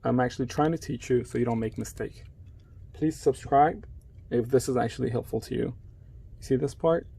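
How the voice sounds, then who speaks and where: A man's voice: mid-range voice, a little fast, creaky, mellow, slightly rough. A man giving a casual, step-by-step phone repair demonstration at his workplace, chatting to viewers while he works with his hands.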